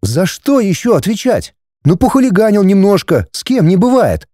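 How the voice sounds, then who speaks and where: A scornful, high-handed noblewoman, put on by a man reading a story. Her voice sits high and shrill and swings widely, with a dismissive, indignant edge. The recording is dry and close. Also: very animated, normal speed, dark tone, no room sound. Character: haughty scornful aristocratic wife and mother.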